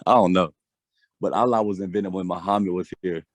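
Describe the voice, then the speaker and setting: A man with a fairly low voice makes his case in an insistent, argumentative way. The recording is dry and close. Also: steady tone, fairly quick, no echo. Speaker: podcast co-host. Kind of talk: casual debate.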